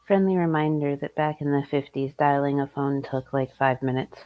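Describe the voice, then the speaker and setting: A woman's voice: low-pitched, moderate pace, highs cut off. A woman with an American accent hosting casual comic commentary in a wry, informal manner. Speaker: host.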